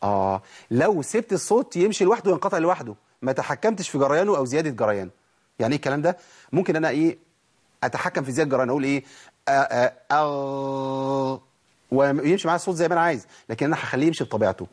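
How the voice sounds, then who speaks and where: Egyptian man, recitation teacher; rapid talker who quizzes himself and drills slow, repeated sound examples. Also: fairly high pitch, lively intonation, husky. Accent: Egyptian Arabic. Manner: asks himself rhetorical questions and answers them; drawn-out demonstrations of letter sounds with repeated examples. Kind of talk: recorded recitation lesson.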